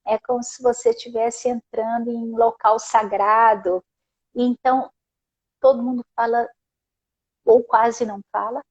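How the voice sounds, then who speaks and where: High-voiced woman speaking slowly and softly. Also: flat delivery, dull audio. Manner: soft, unhurried, tags phrases with "né?". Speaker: guest therapist. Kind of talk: casual spiritual conversation.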